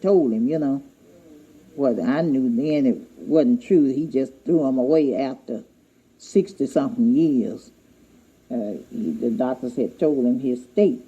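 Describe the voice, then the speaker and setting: Older lady telling a long family story, husky and mellow, dull lo-fi old tape sound. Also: deep voice. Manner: rambling, heartfelt storytelling with quoted dialogue. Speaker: interviewee recounting family memories. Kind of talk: casual spoken recollection. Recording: dull lo-fi archival recording.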